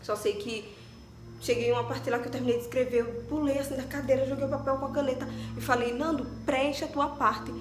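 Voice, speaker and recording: A woman's voice: sits high, fast, music in the background. A young Brazilian woman tells a personal story casually, chatting animatedly and filling her speech with little asides. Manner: chatty and animated, many fillers like "tipo" and "né". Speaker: vlogger. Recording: echoey room with faint ambience.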